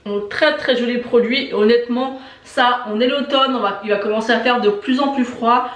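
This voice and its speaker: A woman's voice: fairly high pitch, moderate pace, recorded from a distance. A woman vlogger doing a casual beauty box unboxing, chatty and enthusiastic, with many fillers. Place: indoor room with shelves of lipsticks behind. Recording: echoey room.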